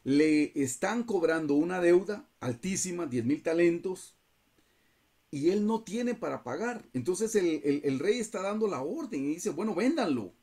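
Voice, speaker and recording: A man's voice: high voice, lively intonation, measured pace, dark tone. A man teaching a Bible study over a video call, earnest and often addressing his listeners as brothers.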